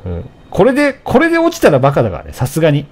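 A man giving casual, animated commentary while playing a game, often taunting enemies and shouting at the screen. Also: on the high side, very fast, husky. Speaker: let's play commentator.

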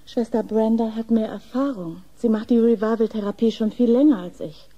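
An actress playing a shy, flustered young nurse, hesitant and polite, with a soft breathy voice in a German horror radio play. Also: female voice, on the high side, moderate pace, lo-fi sound, lightly acted. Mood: nervous.

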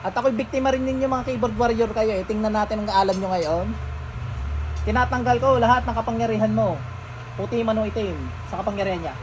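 A man's voice: fairly even intonation, fairly quick. Healer man, stern, grilling someone then mumbling chants, light background noise. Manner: stern, interrogating, chants in low murmurs. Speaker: faith healer. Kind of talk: chanting healing ritual. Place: healing session in a home.

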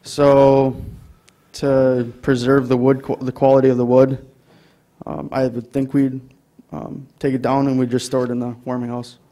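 A man's voice: medium pitch, completely flat delivery, moderate pace, dark tone. A man with an Upper Midwest American accent presenting an item to a city council, with many ums and restarts. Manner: hesitant, many fillers. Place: council chamber.

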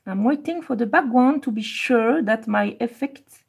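Coloring live for her stream, a husky-voiced host speaks a little high and a little slowly. Each step gets repeated in both French and English as she reads the chat, her voice softening to a murmur when she concentrates.

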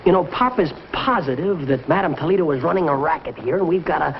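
A man's voice: on the high side, lively intonation, vocal fry, slight background noise. A young man leading a 1950s sitcom, talking eagerly and bossily. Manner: eager, fast, bossy pep talk. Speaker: sitcom lead. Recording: dull 1950s TV audio with music and audience.

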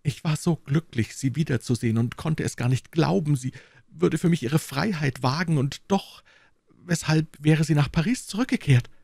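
A man's voice: fairly high pitch, normal speed, gravelly, darkish tone, dry recording, clean studio sound, voice pushed up. A man voicing a secretive, lovestruck young musketeer in an audiobook reading, speaking with emotion. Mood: wistful.

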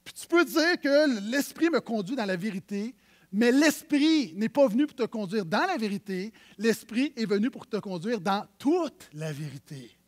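Animated Quebec French preacher, high voice. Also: male voice, moderate pace. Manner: animated, conversational preaching that swings from loud to hushed. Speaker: pastor. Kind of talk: sermon.

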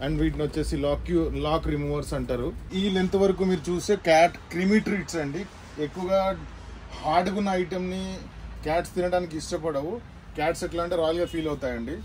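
A man's voice: a little high, a little fast, a little mellow. Chatty Telugu-accented young man. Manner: chatty, explanatory, mixes English words into Telugu. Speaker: pet shop guide. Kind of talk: casual shop tour for viewers. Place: pet shop. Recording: faint background noise.

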